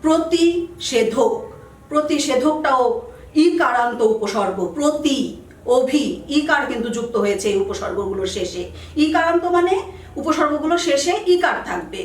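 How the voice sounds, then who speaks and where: A woman's voice: high voice, expressive, normal speed, reverberant, far from the mic, rough recording. A woman teacher explaining spelling rules to students, carefully listing example words one by one and stressing key points.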